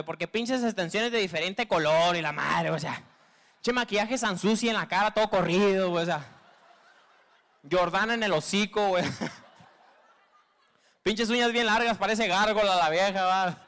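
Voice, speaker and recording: A man with a northern Mexican accent doing a crude stand-up comedy monologue, heavy on slang, who acts out women's lines in a higher squeal. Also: normal speed, fairly bright tone, clean tone. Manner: crude slangy storytelling, constant filler tag.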